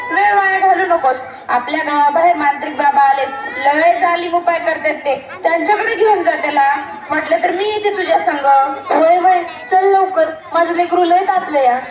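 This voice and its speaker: A woman's voice: very high-pitched, normal speed, a crowd in the background. A girl on a school stage playing a desperate village mother who pleads for her sick baby. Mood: anxious. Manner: pleading, emotional. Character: anxious village mother, young woman. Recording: echoey hall, dull sound.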